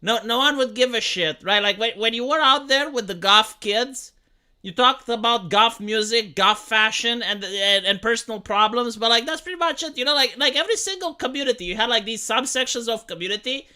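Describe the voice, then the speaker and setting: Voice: medium pitch, animated, a little fast, bright, forceful tone, clean tone. A streamer in their thirties from Romania, rambling to chat in a profane, stop-start way. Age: 30s. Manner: rambling, profane, full of restarts. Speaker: livestreamer. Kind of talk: casual livestream commentary.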